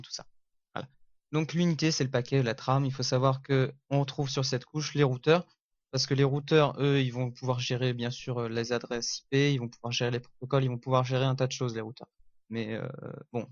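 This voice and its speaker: A man's voice: mid-range voice, no room sound. Man, casual tech lecture, lots of fillers and restarts, dull lo-fi sound. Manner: halting, many fillers and self-corrections; jokey asides. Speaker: networking teacher. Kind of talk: casual spoken lecture over slides. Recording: dull lo-fi sound, dry room.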